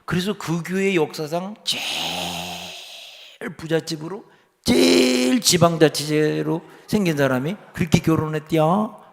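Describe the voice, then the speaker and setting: A man's voice: on the high side, unhurried, vocal fry. A man preaching a humorous sermon in a church, telling stories and acting out the dialogue. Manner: animated storytelling, acting out dialogue. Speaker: guest preacher. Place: church sanctuary. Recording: reverberant church hall.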